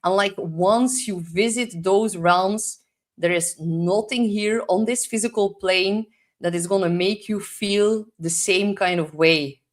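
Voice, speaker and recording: Speaking slowly in a mid-range voice, a young Dutch-accented astrologer host delivers a casual, rambling forecast. She fills it with "like" and now and then hunts for the right English word.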